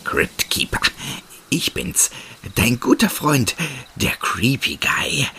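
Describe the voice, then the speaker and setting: A man hosting horror stories, speaking in a hushed, creepy way with breathy whispers. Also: mid-range voice, wildly swooping pitch, slow pace, background noise. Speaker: horror storyteller host. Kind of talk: horror skit dialogue.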